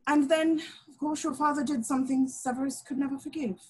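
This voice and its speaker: A woman's voice: sits high, fairly even intonation, a little fast, darkish tone, natural voice. A woman playing a stern, proper older witch professor in a fantasy screenplay read, speaking formally. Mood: guarded.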